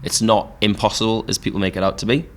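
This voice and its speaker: A Geordie man, a podcast host and musician, telling stories in a relaxed pub chat full of fillers. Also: lowish voice, fast talker, a little hiss or hum. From Newcastle, England. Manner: relaxed storytelling with frequent fillers.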